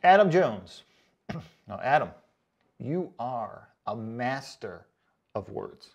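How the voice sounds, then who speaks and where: A male online boot review host, very animated yet slow, with a medium-pitched, slightly mellow voice and vocal fry, reads comments in a casual, comedic rant. He mocks, uses sarcasm, swears freely and speaks emphatically.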